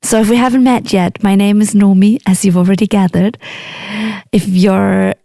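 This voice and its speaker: A woman's voice: medium pitch, fairly even intonation, normal speed, gravelly, warm tone, no echo. A middle-aged woman from Denmark with a Danish accent, hosting her own podcast as an executive coach and speaking earnestly and emphatically in a solo monologue. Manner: earnest, emphatic, acts out quoted clients.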